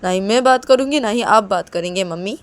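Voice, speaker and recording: A woman's voice: mid-range voice, moderate pace, dark tone, pitched above the performer's own voice, close to an everyday voice. A woman voicing a heartbroken young woman who insistently repeats herself. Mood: upset, insistent.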